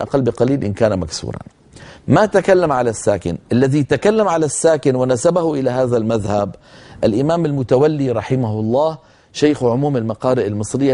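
Mellow-voiced man teaching recitation rules. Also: mid-range voice. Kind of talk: lecture on tajweed.

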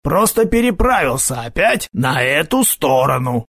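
A man's voice: on the high side, sing-song, unhurried, a bit bright, slightly rough, no room sound, clean studio sound, heavily acted. Man doing a sly, sugary gang leader. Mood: mocking. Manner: mocking, wheedling. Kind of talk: audiobook character voice.

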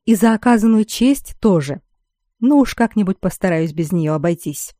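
A woman's voice: mid-range voice, expressive, normal speed, mellow, no echo, studio quality, lightly acted. A woman reader voicing a proud, defiant young noblewoman who answers back sharply and with sarcasm.

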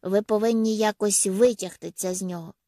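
A man's voice: high voice, steady tone, moderate pace, dark tone, no echo. Impatient man in charge, brusque and demanding, as a woman reader puts him on; dry, close sound. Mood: insistent. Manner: brusque and insistent.

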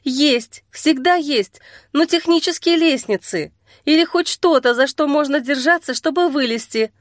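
Panicked headstrong young woman as a woman narrator plays her, pushes high when upset. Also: lively intonation, unhurried, dry recording, studio quality. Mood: anxious. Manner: urgent, pleading, rises high when upset. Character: frightened, stubborn young woman desperate to escape.

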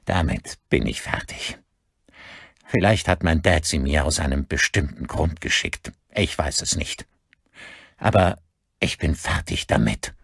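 A man voicing a cold, vengeful older man who speaks slowly and deliberately in an audiobook. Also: extremely low pitch, animated, creaky, a bit bright, breathy edge, no echo, studio quality, exaggerated voice. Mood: grim. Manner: slow, deliberate, icy.

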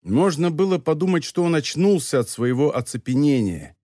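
A man giving a measured, expressive reading of a dramatic novel as an audiobook narrator. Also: on the high side, no room sound, clean studio sound.

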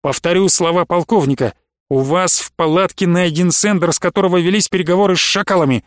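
A man voicing a calm, firm male army major who speaks in a measured, steady way. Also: a little high, dry recording, studio quality, natural voice. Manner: measured, steady, stern when pressed.

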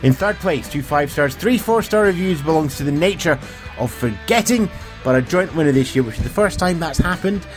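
A man's voice: on the high side, soft background music. A Scottish man hosting a festival podcast, bantering with guests and reading a review roundup in a studio. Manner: animated, quick to laugh and banter. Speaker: podcast host.

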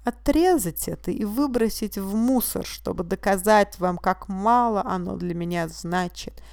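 A woman reading the part of a meek, tearful accused man who pleads slowly and sometimes drops to a whisper. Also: mid-range voice, vocal fry, dry recording, clean studio sound. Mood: calm sorrowful. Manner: tearful, pleading and quietly insistent, slipping into a hushed whisper. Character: weepy, meek male mechanic accused of a crime.

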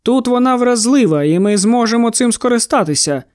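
An audiobook reader voices a brash male monster hunter who talks in a breezy, mocking way, tossing off orders as though danger amuses him. His voice sits high, a little mellow, animated and fairly quick, with a cool, mocking mood. The recording is close and dry, with no room sound.

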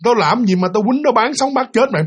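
A man's voice: very high-pitched, fast, husky, pitched above the performer's own voice. A man voicing a brusque, defensive elderly grandmother, talking in blunt, exasperated bursts. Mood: indignant.

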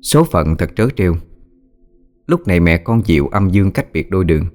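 A man with a very deep voice reads a ghost story in a measured, solemn tone. Faint music plays under his narration. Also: big pitch swings, darkish tone.

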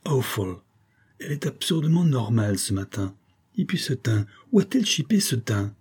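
A man reading an audiobook, voicing a hearty, blustering, excitable male doctor. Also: mid-range voice, normal speed, husky. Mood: gleeful. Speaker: neurologist.

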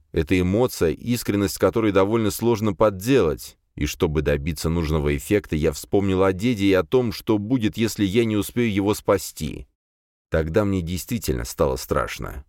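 Male audiobook narrator, very deep voice, lively expressive delivery, close dry recording. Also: normal speed, no room sound.

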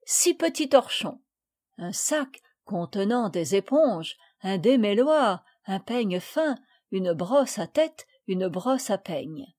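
A woman reading a children's classic aloud as an audiobook, in measured scripted narration. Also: medium pitch, big pitch swings, darkish tone. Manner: measured, listing items evenly. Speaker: audiobook reader.

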